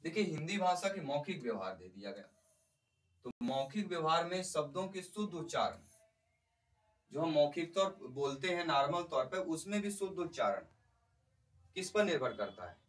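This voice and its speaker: A man's voice: on the high side, sing-song, normal speed, recorded from a distance, poor audio. A male teacher giving an exam-prep lecture, explaining by repeating points and putting questions to the class.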